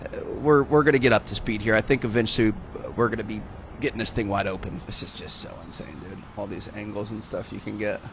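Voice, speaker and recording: A man's voice: on the low side, fairly even intonation, quick pace, background noise. A young man hosting a gaming channel, giving laid-back, chatty commentary while he plays and often saying "dude". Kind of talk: casual gameplay commentary.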